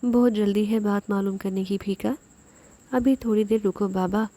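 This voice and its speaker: A woman's voice: medium pitch, fairly even intonation, warm tone, close to an everyday voice. A woman voicing a loyal male henchman who mocks a frightened servant. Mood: mocking. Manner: mocking.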